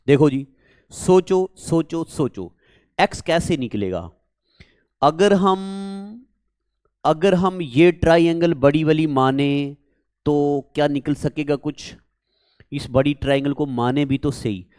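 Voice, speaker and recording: High-voiced coaxing maths teacher man. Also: darkish tone, clean tone, no room sound, studio quality. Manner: coaxing, repeats words, asks students questions. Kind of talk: classroom maths lecture. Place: classroom.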